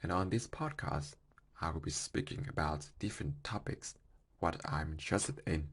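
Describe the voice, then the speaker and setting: A Vietnamese man in his 20s hosts a solo podcast, speaking careful, halting English with a Vietnamese accent and small grammar slips. His voice is a rumbling low with a breathy edge.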